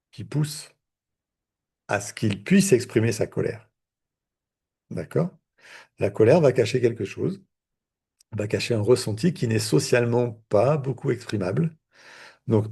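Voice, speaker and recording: A man's voice: mid-range voice, vocal fry, dark tone, breathy edge. A man, a therapist, teaching a live online lesson in a conversational way, with many fillers and restarts. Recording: video call audio.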